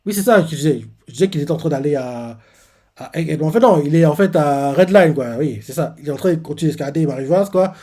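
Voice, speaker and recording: A man's voice: on the high side, quick pace, dark tone. A man hosting a live manga reaction. He retells a comic chapter in casual, rambling talk full of filler words and restarts.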